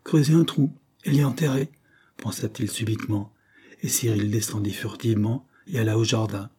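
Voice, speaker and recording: A man narrating a novel aloud in a steady, measured reading. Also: fairly low pitch, husky. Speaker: audiobook narrator.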